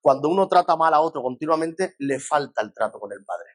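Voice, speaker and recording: Pastor from Spain, fairly high voice. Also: male voice, fairly quick. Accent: Spain Spanish. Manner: lively, acts out quoted voices, rhetorical questions. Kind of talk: conversational church lesson.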